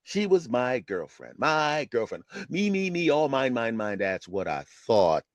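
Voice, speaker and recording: A man in his fifties, a retired comedian, telling a personal story on his podcast in an animated, conversational way. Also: medium pitch, measured pace, dry recording. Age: 50s. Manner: animated, conversational, keeps asking "right?". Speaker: podcast host.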